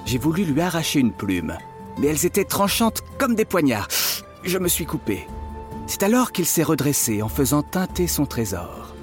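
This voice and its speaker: A man narrating a children's fairy tale in a playful, expressive voice, speaking as an inventor teacher to his class. His pitch rises and falls with lively swings. Soft music plays faintly beneath the telling. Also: moderate pace. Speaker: storyteller playing an inventor teacher.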